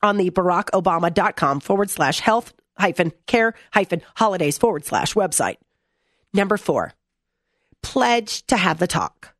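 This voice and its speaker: A woman's voice: fairly low pitch, sing-song, moderate pace, dry recording, clean studio sound. A woman hosting an opinion commentary segment, reading text aloud and mocking it in a sarcastic, blunt, exasperated way. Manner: reads text aloud and mocks it.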